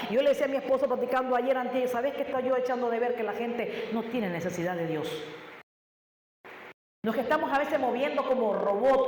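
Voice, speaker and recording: A woman in her fifties delivers an impassioned sermon in a high voice. She speaks straight to her congregation with emotion and urgency. The sound rings through a large echoey church with faint background noise. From Nicaragua. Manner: impassioned, testimonial, addresses congregation directly. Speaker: preacher. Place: church sanctuary.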